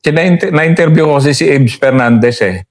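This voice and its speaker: A man's voice: fairly high pitch, brisk. A man hosting an interview, drawing out his guest with short questions and frequent murmured acknowledgements. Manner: brief prompting questions, frequent "hmm" back-channels. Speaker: interviewer host. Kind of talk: casual interview.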